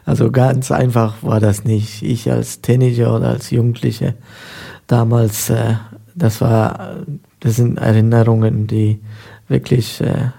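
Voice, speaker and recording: Man, 30s, from Afghanistan, radio guest, dark mellow voice, halting. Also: mid-range voice, little pitch movement, creaky. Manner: hesitant, many fillers. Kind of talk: casual interview talk.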